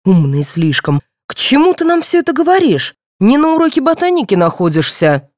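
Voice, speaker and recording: A woman reading the part of an impatient, sharp-tongued mother who snaps and brushes things off. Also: sits high, sing-song, brisk, no echo, studio quality, voice pushed up. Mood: irritated. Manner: dismissive, snapping.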